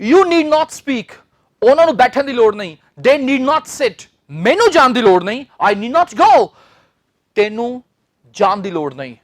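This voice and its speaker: Slow, patient woman teaching English. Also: fairly high pitch, dry recording. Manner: slow, drilling English examples word by word; asks students questions and answers them herself. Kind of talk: spoken English lesson.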